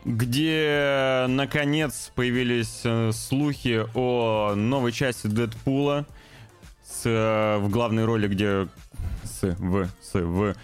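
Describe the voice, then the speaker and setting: A man with a medium-pitched voice hosts gaming and film news in a casual way. He talks informally and a little hesitantly, with ironic asides, over quiet background music. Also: fairly even intonation, takes it slowly.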